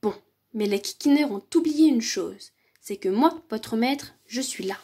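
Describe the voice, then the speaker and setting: A woman's voice: a little high, lively intonation, a little slow, warm tone, slightly rough, heavily acted. A woman voicing a stern but kind male schoolteacher in a read-aloud children's story, speaking firmly and reassuringly. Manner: firm, reassuring classroom address.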